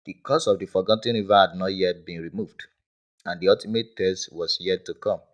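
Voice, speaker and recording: A man's voice: low voice, fairly even intonation, a little fast, muffled recording. A man narrating a dramatic folk tale in a grave storytelling manner. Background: loud background music.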